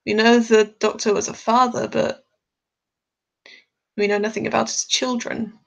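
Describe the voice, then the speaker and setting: A woman's voice: a little high, little pitch movement, moderate pace, creaky, low-quality recording. A woman chatting casually on a live stream while she draws, a bit tired, rambling and laughing often.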